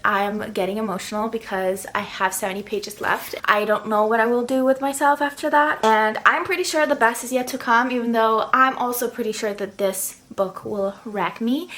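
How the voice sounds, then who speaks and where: A woman's voice: mid-range voice, a bit bright. A young woman vlogging reading updates in a gushing, emotional way, full of casual fillers. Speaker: book vlogger.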